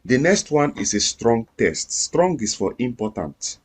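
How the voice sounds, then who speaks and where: A man's voice: mid-range voice, very animated, unhurried, slightly rough. A man teaching a screen-recorded coding lesson, explaining each step patiently and repeating himself. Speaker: coding instructor.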